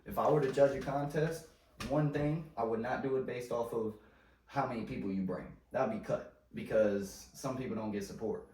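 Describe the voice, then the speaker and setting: In a casual, rambling podcast chat, the male host uses plenty of slang and filler, often trailing off and then restarting. His voice is mid-range and a little mellow at normal speed, with a roomy sound, a distant mic and faint noise.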